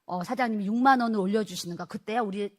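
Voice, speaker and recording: A middle-aged woman pastor giving a personal testimony sermon, telling her story in a lively way and acting out the dialogue. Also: medium pitch, fast.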